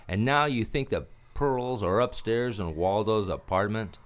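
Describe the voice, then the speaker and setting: A man's voice: on the low side, unhurried, close to an everyday voice. A man playing a cynical, laconic, world-weary private detective who is protective of a woman in a noir radio play. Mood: probing, wry. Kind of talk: radio play acting with first-person noir narration.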